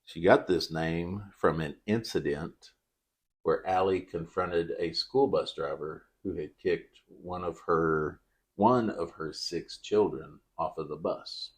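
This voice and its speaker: A man with a very low voice tells a true-crime story to his podcast co-host. His delivery is dry and deadpan. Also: slow, breathy edge.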